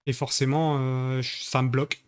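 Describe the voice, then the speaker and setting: A man's voice: mid-range voice, flat delivery, moderate pace, slight background noise. A man streaming a video game live, chatting with his viewers in crude, joking banter. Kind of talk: live-stream gaming commentary.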